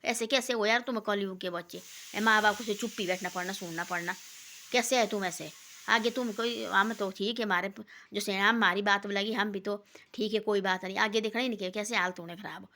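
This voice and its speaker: A woman's voice: mid-range voice, fairly even intonation, normal speed, pushed and bright, a little hiss or hum. A woman telling casual moral stories in a rambling, repetitive way, dropping her voice to quote people. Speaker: storyteller giving moral talks. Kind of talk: casual moralizing folk storytelling.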